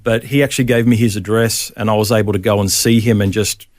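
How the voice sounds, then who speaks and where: A man's voice: lowish voice, little pitch movement, fast, a little mellow, dry recording, studio quality. A middle-aged Australian man, a pastor, telling his faith story in a casual interview, with many ums and restarts.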